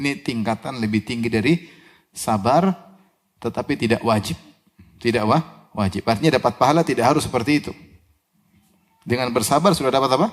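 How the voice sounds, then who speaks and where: A man preaching a sermon. He recites Arabic verses, explains them, and asks his listeners questions that he answers himself. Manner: animated, with sudden rises in pitch and loudness on key words.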